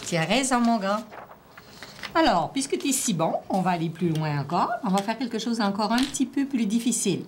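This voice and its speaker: A woman teacher with a Québécois French accent, slowly and patiently prompting a child through a one-on-one reading assessment. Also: mid-range voice. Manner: slow, patient, drawn-out word-by-word prompting. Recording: faint background noise.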